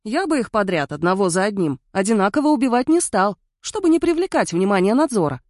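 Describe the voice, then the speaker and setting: A woman's voice: mid-range voice, sing-song, quick pace, darkish tone, no echo, studio quality, lightly acted. A woman reading an indignant young man. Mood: objecting. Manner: objecting, indignant. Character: indignant young male investigator.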